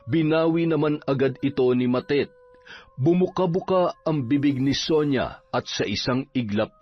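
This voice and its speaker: A man narrating a horror story in a dramatic, expressive reading style. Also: medium pitch. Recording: dull, muffled recording.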